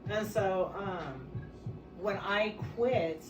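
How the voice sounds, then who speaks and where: A woman's voice: medium pitch, drawn-out words, echoey room, distant mic, over music, poor audio. A woman guest telling her own story in a casual chat, speaking frankly and laughing often.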